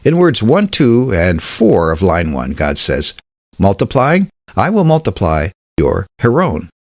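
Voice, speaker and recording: A man giving a scripted Bible study talk, measured and emphatic, slowing down to stress key words. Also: fairly low pitch, dry recording, studio quality. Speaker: Bible teacher.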